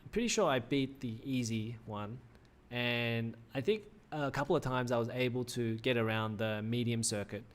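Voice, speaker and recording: This Australian streamer, a man in his 30s, talks through a casual livestream at a moderate pace. He's slightly losing his voice, which gives his mid-range tone a worn edge, and his chatter wanders with frequent self-corrections and "uh" fillers.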